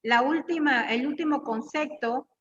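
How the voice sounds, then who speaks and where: A middle-aged woman with a high voice gives a homey, teasing sermon, firing questions straight at the women in front of her. The sound is dull and lo-fi, with a long echo from a church hall. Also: measured pace. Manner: lively, teasing, questions the audience directly. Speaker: guest speaker at church women's meeting. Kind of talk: informal preaching with personal stories.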